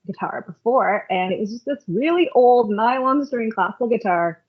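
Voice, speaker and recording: This Canadian podcast guest, a worship leader, reminisces conversationally with frequent "like"s and "um"s. Her voice sits a little high with lively intonation and a normal speed, and the recording has a phone-line quality.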